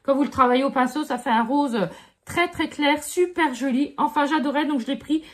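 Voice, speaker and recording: This middle-aged woman, a beauty vlogger, talks briskly in a high voice while casually reviewing her haul. Her chatter is full of asides to the audience and fillers like "euh" and "franchement."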